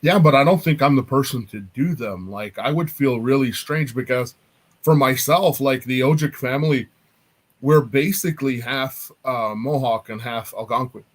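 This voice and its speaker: This is a man talking in an easygoing, casual way over a video call. His pitch sits in a middle range and he often laughs as he explains things. He has the unhurried manner of a guest chatting with a friendly host. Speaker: artist and apparel designer, guest.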